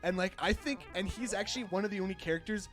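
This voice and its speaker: A man's voice: high-pitched, fast, a bit bright, faint music behind. A man co-hosting a game stream, chatting casually, laughing often and filling with "like". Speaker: streamer co-host. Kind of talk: casual chat while gaming.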